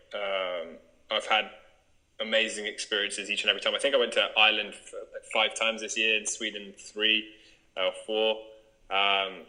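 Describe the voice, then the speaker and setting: A young man with a very bright, forceful tone and a fairly low voice. He chats in a relaxed, upbeat way as a yoga teacher, laughing easily between thoughts. Plenty of ums and restarts. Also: poor audio. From Wales. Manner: upbeat, chatty, laughs often, many fillers. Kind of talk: casual interview chat.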